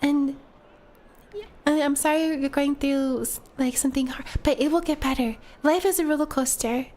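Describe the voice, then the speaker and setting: A high-pitched yet darkish voice, steady in tone and at normal speed, belongs to a woman live-streaming a game while congested from a cold. She keeps up casual, chatty talk with viewers in between game lines.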